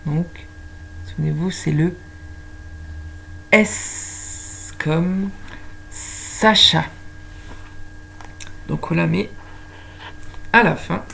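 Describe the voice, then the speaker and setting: A woman's voice: lowish voice, fairly even intonation, measured pace, creaky, pauses often, a little hiss or hum. A woman teaching young children to spell by sound, patiently stretching out each syllable. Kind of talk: slow phonics lesson for young children.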